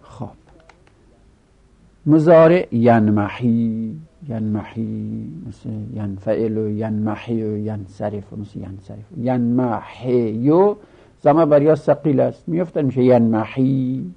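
A man teaching a seminary grammar lesson, chanting word forms in a slow, drawn-out recitation. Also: mid-range voice, gravelly, highs cut off.

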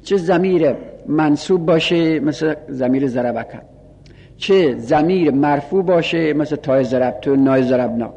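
A man teaching Arabic grammar in a seminary-style lesson, repeating each rule slowly and reciting Arabic phrases and pronoun lists. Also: a little high, warm tone, slightly rough, big-room sound.

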